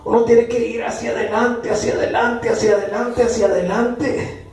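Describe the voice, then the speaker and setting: A man's voice: very high-pitched, level tone, moderate pace, a little mellow, slight background noise. A man preaching a sermon as pastor, emphatic and driving his points home by repeating phrases. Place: church. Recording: echoey church room, mic far off.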